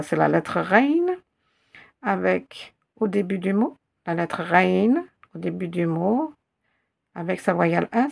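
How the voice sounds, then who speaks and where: A woman teaching an Arabic reading lesson in French, patiently repeating each syllable and word slowly for learners. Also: fairly low pitch, vocal fry. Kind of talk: slow spelled-out reading lesson.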